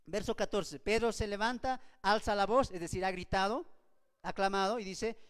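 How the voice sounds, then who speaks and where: High, clear-voiced teacher. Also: male voice, normal speed. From Bolivia. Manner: emphatic, asks rhetorical questions and repeats points. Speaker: Bible study teacher. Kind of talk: Bible study teaching. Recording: long reverb in a hall.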